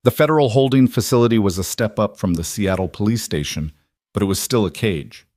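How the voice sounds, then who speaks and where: A man narrates a dramatic story in an even, measured manner. His voice sits on the low side. The recording is close and dry, with no room sound. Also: dry recording.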